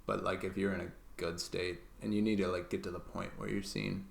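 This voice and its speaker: A young man co-hosting a podcast in casual, rambling chat, swearing freely and filling every pause with "like". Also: low voice, level tone, vocal fry. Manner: swearing, filler-heavy, rambling. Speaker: podcast co-host.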